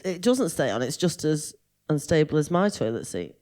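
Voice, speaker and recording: A woman's voice: low voice, normal speed. A woman comedian chatting casually on a podcast, rambling and poking fun at herself. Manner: animated, rambling, self-mocking. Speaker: comedian guest.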